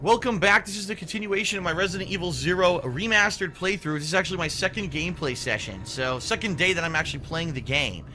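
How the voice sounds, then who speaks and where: Male gameplay streamer, high register, excitable and exasperated with frequent swearing, music underneath. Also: fast, hardly any pauses. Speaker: video game streamer. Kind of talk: gameplay commentary. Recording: music behind the voice.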